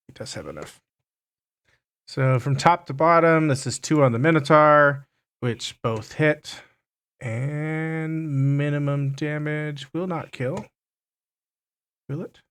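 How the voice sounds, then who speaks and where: A man narrating as game master, unhurried and often stumbling over his words. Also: medium pitch, fairly bright tone, clear, resonant tone.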